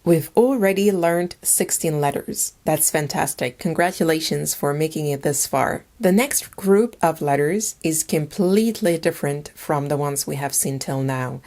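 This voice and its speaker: A woman teaching a language lesson in scripted narration, naming each letter slowly and repeating it. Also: sits low, a little mellow. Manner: slow, deliberate, repeats each letter name.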